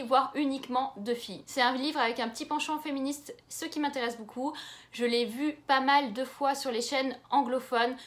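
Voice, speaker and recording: A young woman from France chatting enthusiastically in a casual book haul vlog. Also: high-pitched. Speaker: book YouTuber.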